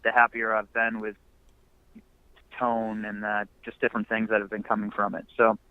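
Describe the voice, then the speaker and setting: A young man who makes music speaks monotone at a normal speed in a smooth, lowish voice during a relaxed phone interview, rambling with frequent fillers. The line is muffled but carries no room sound.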